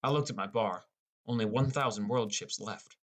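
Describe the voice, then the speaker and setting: A man with a fairly low, slightly bright voice reads at a moderate pace, playing a wry, inexperienced teenage boy. The boy narrates his own game adventure in first person for an audiobook, voicing the other characters' dialogue along the way.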